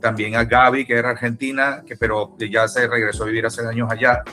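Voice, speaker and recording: A man with a Venezuelan accent, an interview guest and musician, telling a lively story and acting out the people in it. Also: medium pitch, brisk, over music. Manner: animated anecdote teller who acts out quoted dialogue. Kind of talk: casual storytelling.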